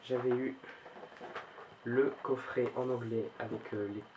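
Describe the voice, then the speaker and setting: A man in a casual video chat about his book collection, pausing often and restarting his sentences. His voice stays level and monotone throughout, with a faint hiss of noise behind him. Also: medium pitch. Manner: hesitant, full of "euh" fillers and restarts. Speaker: book vlogger.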